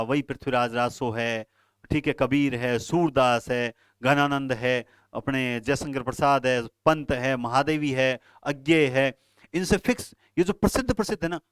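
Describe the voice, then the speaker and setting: A man's voice: medium pitch, fairly bright tone, clear, resonant tone, no room sound. A man, teaching an online exam-prep lesson and talking earnestly and directly to his students. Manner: earnest, advising students directly, with frequent fillers.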